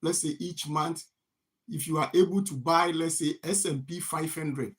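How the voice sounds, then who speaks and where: A Ghanaian man who runs a farming channel gives a motivational talk about finance in a steady, slightly bright voice on the high side, at a normal speed. He repeats phrases and poses rhetorical "what?" questions, answering each one himself.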